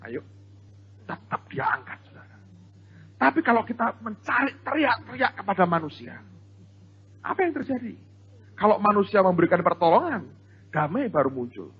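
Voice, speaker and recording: A male pastor preaches in an animated, storytelling manner, often turning to address the congregation. His voice is husky and sits high, with pitch that swings widely. The recording is dull and lo-fi. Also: moderate pace, pauses often. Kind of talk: sermon.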